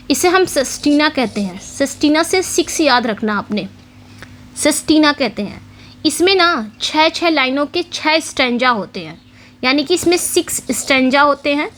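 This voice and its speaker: Woman teacher with a high voice, exam-prep lecture, quiz-style questions and repetition. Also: a bit bright, slight background noise. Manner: explains in Hindi mixing English terms, repeats key points with quiz questions; reads English question text slowly. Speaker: English literature teacher.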